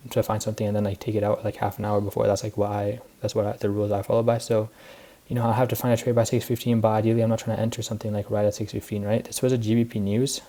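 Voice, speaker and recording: Tired teenage guy with a low, dark voice. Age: teens. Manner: rambling, filler-heavy, laid-back. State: tired and out of breath. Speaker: student trader recapping his week. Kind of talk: casual spoken recap.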